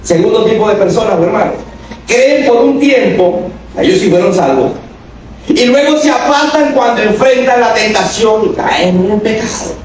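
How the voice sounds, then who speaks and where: High-voiced pastor booming through a church. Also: male voice, expressive, normal speed, darkish tone, a little hiss or hum. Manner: emphatic, asks the congregation questions and acts out quoted voices. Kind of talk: sermon. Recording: echoey church hall from a distance.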